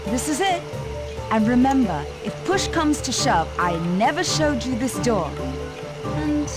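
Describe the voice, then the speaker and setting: A woman's voice: sits high, sing-song, a little slow, loud music behind the voice. Constable Neela, a sly teasing policewoman. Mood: coy, conspiratorial. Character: sly, flirtatious female tiger police constable. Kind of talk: cartoon video game cutscene acting.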